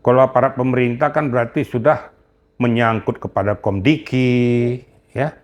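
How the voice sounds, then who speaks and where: A man's voice: medium pitch, steady tone, normal speed. Older male interview guest, indignant and emphatic, lecturing tone. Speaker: retired police general, guest. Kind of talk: heated interview talk.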